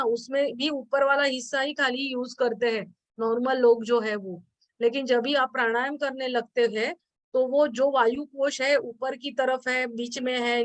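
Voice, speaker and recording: Marathi-accented lady teaching yoga theory, kinda high voice, lots of ums, dry close sound. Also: no room sound. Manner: explanatory, hesitant with fillers, asks students questions. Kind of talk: classroom lecture.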